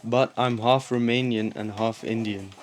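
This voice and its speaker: A man, answering interview questions in a thoughtful, hesitant way with frequent pauses. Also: medium pitch, steady tone, over loud music. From England. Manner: thoughtful, hesitant, many ums. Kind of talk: reflective documentary interview.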